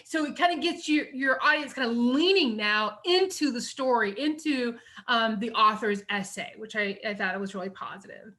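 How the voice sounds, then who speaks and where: A middle-aged woman teaches a recorded lecture on essay writing in a chatty style, full of fillers and "you know"s. Her slightly high voice sounds bright and forceful, and she speaks at a moderate pace with hardly any pauses.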